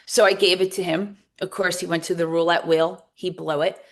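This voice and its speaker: Guest: woman, candid storyteller, slightly low voice, acts out dialogue. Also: little pitch movement, normal speed. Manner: candid, acts out both sides of past conversations. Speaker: guest author and recovery coach. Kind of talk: podcast interview storytelling.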